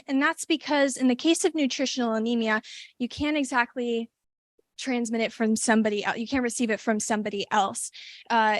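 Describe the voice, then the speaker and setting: Teenage girl presenting, fairly high voice. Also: a bit bright, no echo, clean studio sound. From Southern California. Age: teens. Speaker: student presenter. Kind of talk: scripted group presentation.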